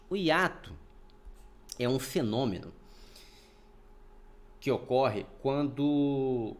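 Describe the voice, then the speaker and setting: A male teacher giving a recorded online grammar lesson. His pitch rises and falls a lot as he explains patiently, sounds out each syllable and keeps checking that students follow. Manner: explanatory, repeats points, checks in with "tá?". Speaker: Portuguese teacher.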